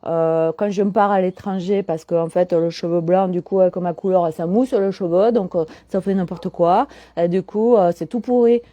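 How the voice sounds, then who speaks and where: Middle-aged woman, holistic coach, chatty live-stream host who keeps answering comments; mellow tone, dry close sound. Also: on the low side, steady tone, moderate pace, few pauses, dry recording, highs cut off. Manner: chatty, answers viewers' comments as she talks. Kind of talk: casual live stream chat.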